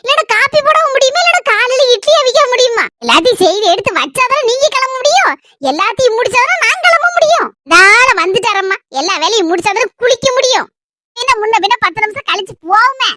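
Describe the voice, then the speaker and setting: A woman with a Kanyakumari Tamil accent plays a harried, complaining housewife and mother in a family comedy skit, ranting in long grumbling runs. Her voice is extremely high and sharp, and the performance is heavily acted.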